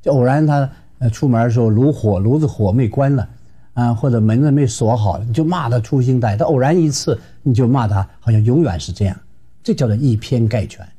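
A man from Shenyang, a marriage counselor giving an advice lecture in a lively, emphatic way. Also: medium pitch, brisk, slightly rough. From Shenyang, Northeast China. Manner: lively and emphatic, acting out quarrels.

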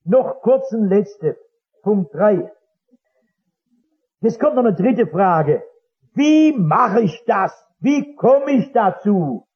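A man's voice: sits high, lively intonation, slow, long pauses. A man preaching as a pastor before a congregation, telling stories fervently and acting out their dialogue. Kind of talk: sermon. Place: church or hall before a congregation. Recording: dull lo-fi old recording.

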